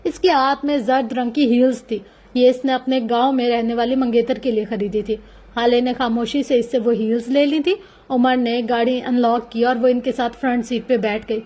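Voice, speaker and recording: A woman reading a novel aloud in a smooth, steady narrating voice. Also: fairly high pitch, moderate pace. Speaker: novel reader.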